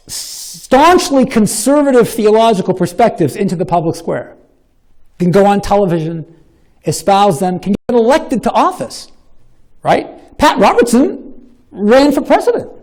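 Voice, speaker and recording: An animated, long-winded man with a Boston accent gives a live public talk and takes audience questions, often poking fun at himself. His pitch is extremely high. The setting is a lecture hall with an audience.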